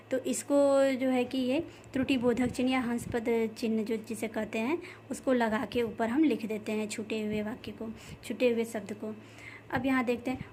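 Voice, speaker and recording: Higher-voiced woman teaching grammar. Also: a little mellow, a little hiss or hum. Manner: repeats terms, many fillers. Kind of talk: explaining lesson over slides.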